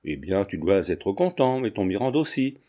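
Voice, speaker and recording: A man voicing a blustery, domineering old male lawyer who scolds gruffly, read from a classic novel. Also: fairly low pitch, sing-song, moderate pace, mellow, pitched below the performer's own voice. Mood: scolding. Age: older.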